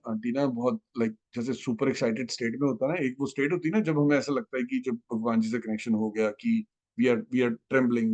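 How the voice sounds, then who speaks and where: A man's voice: medium pitch, a little mellow, highs cut off. A man sharing an emotional devotional testimony with a gathering, telling his story with feeling and slipping into English phrases.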